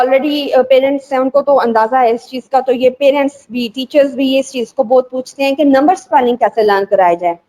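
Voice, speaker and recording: A woman with a notably high voice leads a teacher-training session, speaking patiently and slowly. She repeats and spells out examples and slips into English phrases as she explains. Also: darkish tone, low-quality recording. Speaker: teacher trainer and school owner. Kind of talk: instructional talk to teachers.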